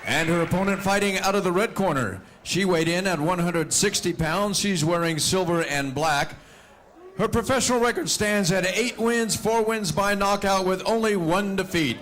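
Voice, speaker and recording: A man working as a boxing ring announcer, formally introducing fighters with theatrical, drawn-out delivery at a live event. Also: high voice, a bit bright, some chatter behind.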